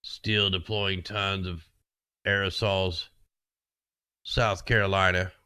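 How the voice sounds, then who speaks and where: A man's voice: deep voice, flat delivery, slow pace, pushed and bright, smooth, no echo. A man casually talking through weather maps as host, rambling and conspiratorial, with his voice getting worn. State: losing his voice. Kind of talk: casual screen-share commentary.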